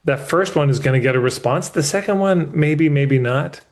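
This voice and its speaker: A man's voice: on the high side, moderate pace. A man coaching a client in a live session. He explains ideas candidly and emphatically, swears casually, and often restarts his sentences. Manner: restarts mid-thought as he explains. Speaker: business coach.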